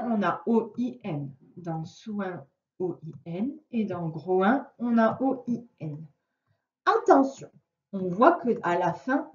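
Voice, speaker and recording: A woman teacher giving a patient reading lesson to a young child, sounding out words syllable by syllable. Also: mid-range voice. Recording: roomy, distant, dull lo-fi sound.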